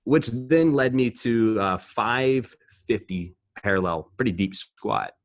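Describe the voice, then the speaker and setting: A man's voice: fairly low pitch, animated, slow, no room sound. A man in his twenties, a podcast co-host and powerlifter, telling rambling, profane stories in casual chat.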